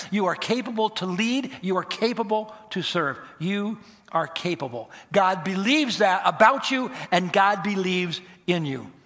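Male pastor, bright ringing voice, emphatic sermon delivery, slightly high. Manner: emphatic, swings between loud stresses and quiet asides.

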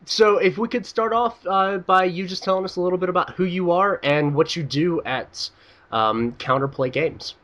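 A man's voice: high-pitched, moderate pace, fairly bright tone. A man hosting a gaming podcast, chatty and upbeat with frequent ums and uhs. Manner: upbeat, chatty, filler-heavy. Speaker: podcast host. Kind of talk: casual podcast interview.

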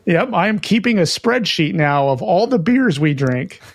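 A man co-hosting a podcast who talks in an upbeat, chatty way and often restarts his sentences. His speaking voice sits quite high for a man. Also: lively intonation, normal speed, no room sound. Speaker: podcast co-host. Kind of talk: casual chat.

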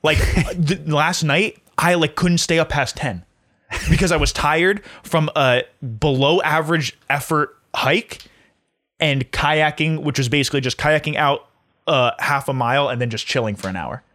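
A man in his twenties co-hosting a podcast, chatting casually and telling animated stories, swearing freely. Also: fairly high pitch, normal speed. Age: 20s. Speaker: podcast co-host. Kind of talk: casual chat.

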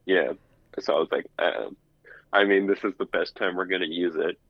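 Co-host calling in over the phone: a man with a very low voice, heard dry and lo-fi, rambling and casual. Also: steady tone, moderate pace, no room sound. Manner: rambling storyteller who restarts words. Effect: phone call played back through the studio. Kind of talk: casual podcast chat. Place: his apartment. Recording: dull lo-fi phone line.

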